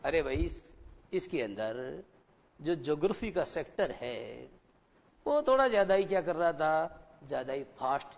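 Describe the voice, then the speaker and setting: High-voiced male teacher in a reverberant, muffled broadcast. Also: sing-song, gravelly. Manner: explains slowly, asks the children rhetorical questions. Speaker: English teacher. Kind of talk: classroom lecture. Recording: dull lo-fi broadcast with long reverb.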